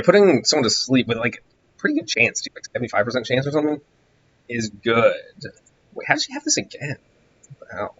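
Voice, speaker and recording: A man streaming a game, rambling distractedly through casual commentary while he grows hoarse and loses his voice. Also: medium pitch, a bit bright, dull audio, a little hiss or hum. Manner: rambling, distracted, musing aloud.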